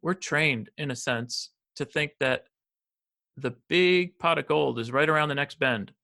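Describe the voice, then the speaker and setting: Speaking at a measured pace, this man's fairly high, gravelly voice sounds pushed and bright. He's an American in his fifties, a financial advisor appearing on a podcast, and his casual interview talk rambles with frequent restarts and fillers.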